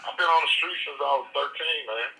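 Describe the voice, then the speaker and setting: A man's voice: fairly high pitch, fast talker, bright, forceful tone. A man, speaking on a prison phone call and telling his story in a rambling way with many fillers. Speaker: incarcerated interviewee. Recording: distant tinny prison phone line.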